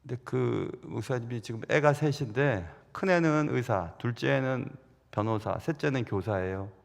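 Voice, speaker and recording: A middle-aged man preaching a Sunday sermon, telling stories with sudden loud rises and soft drops. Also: medium pitch, normal speed, gravelly, big-room sound. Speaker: pastor. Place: large church sanctuary.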